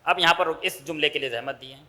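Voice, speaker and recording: Impassioned high bright male preacher. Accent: Pakistani Urdu. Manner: impassioned, rising and slowing for emphasis. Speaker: Shia cleric delivering a majlis. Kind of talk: Urdu sermon with dramatic retelling. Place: large mourning hall.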